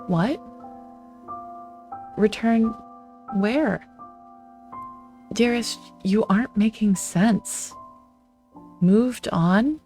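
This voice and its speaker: A woman voices a confused, middle-aged ghostly husband who doesn't realize he has died, pleading in bewilderment with her voice raised higher. She speaks extremely slowly and mellowly, with long pauses and faint music in the background.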